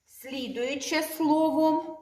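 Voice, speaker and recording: A woman kindergarten teacher with a Ukrainian accent, speaking slowly and clearly, drawing out sounds and repeating words for the children to echo. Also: high-pitched, fairly even intonation, mellow. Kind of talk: slow, clearly articulated lesson for small children.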